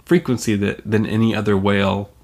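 Young woman with a raspy, creaky smoker's voice. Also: a bass voice, steady tone, a little fast, darkish tone. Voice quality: raspy, gravelly just-woke-up voice like a smoker's. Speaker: podcast co-host. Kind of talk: casual podcast chat.

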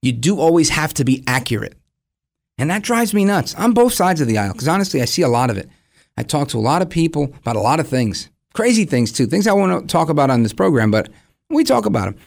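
A fairly high-voiced man in his forties speaks a creaky edge. His delivery swings widely in pitch as he argues in a conversational, opinionated host style, throwing out rhetorical questions and mimicking imagined speakers. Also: fast. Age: 40s. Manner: animated, acts out imagined dialogue, rhetorical questions. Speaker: host of a commentary program. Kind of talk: opinionated conversational political commentary.

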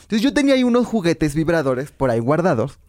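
Lively Mexican woman telling frank stories. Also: low voice, quick pace, no room sound, clean studio sound. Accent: Mexican Spanish. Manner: lively, laughs often, acts out her own past words. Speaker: podcast guest. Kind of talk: frank candid storytelling.

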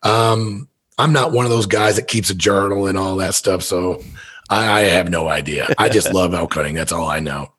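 Low and husky yet fairly bright, this man's voice moves at a moderate pace. He's an American in his fifties from Missouri, an elk hunter and business owner, rambling through candid, folksy stories as a podcast guest.

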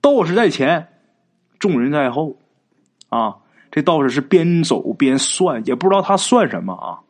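A man's voice: fairly high pitch, sing-song, normal speed. A man telling a folk ghost story in a chatty, colloquial way, talking straight to his listeners.

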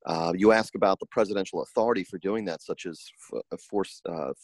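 A man from New York, a political reporter, answering in a measured, wordy and dryly wry way. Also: low-pitched, no room sound. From New York, USA. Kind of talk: interview answers.

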